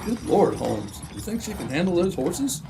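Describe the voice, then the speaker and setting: A man playing a proper, easily flustered British gentleman doctor, blustery and polite, in an old-time radio drama. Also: sits high, big pitch swings, moderate pace, creaky, heavy background noise, heavily acted. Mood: astonished. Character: indignant, easily flustered gentleman doctor, detective's loyal companion.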